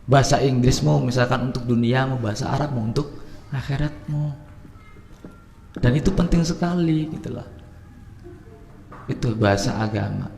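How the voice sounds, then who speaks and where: A man teaching at a religious study gathering, animated, swinging between loud and soft and mixing in Arabic phrases. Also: mid-range voice, normal speed, gravelly, pauses often, in a large hall, soft background music. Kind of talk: lively Islamic study talk.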